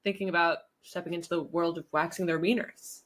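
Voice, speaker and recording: A woman's voice: fairly low pitch, steady tone, brisk, fairly bright tone. A woman co-hosting a podcast, teasing and joking as she asks her co-host questions in casual chat.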